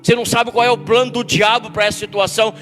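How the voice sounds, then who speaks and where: A middle-aged Brazilian pastor with a high voice preaches a sermon, mixing family stories and acted quotes with emphatic warnings. His voice rings through a large reverberant hall while soft instrumental music plays underneath. The delivery swings between storytelling and forceful exhortation. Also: flat delivery, quick pace. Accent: Brazilian Portuguese.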